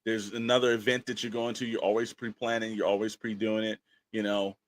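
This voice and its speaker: An American man co-hosts a podcast in a casual, chatty way, his lowish voice level in tone and fairly quick. He talks informally and repeats phrases for emphasis.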